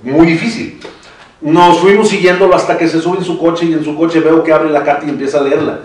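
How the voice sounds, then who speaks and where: A man's voice: a little high, steady tone, fairly quick, a little mellow. Mexican man, echoey far-off mic. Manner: rambling, many restarts, chuckles. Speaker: citizen council member. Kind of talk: panel discussion.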